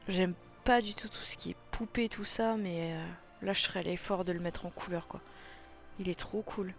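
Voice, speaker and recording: The voice here is on the low side, steady and moderately paced, with vocal fry. She gives casual, excited live commentary on a colouring book, marvelling aloud as she looks through it, over muffled audio with background music.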